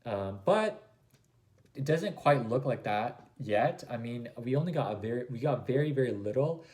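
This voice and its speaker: A man's voice: mid-range voice, expressive, normal speed, a little mellow. A man giving casual, gushing fan commentary as a video host, rambling along with plenty of fillers. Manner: enthusiastic, gushing.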